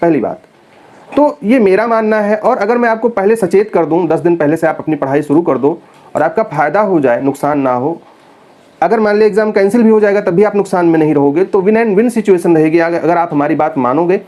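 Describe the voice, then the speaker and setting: A man's voice: high-pitched, fairly quick, a little mellow. A man who is a teacher, talking straight to his students in a casual, earnest and persuasive way, often calling them children. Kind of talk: casual direct-to-camera talk to students.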